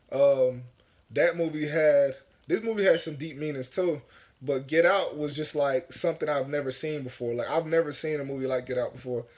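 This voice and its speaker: A man from Africa giving a casual movie review, rambling and repeating himself with lots of "like". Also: a little high.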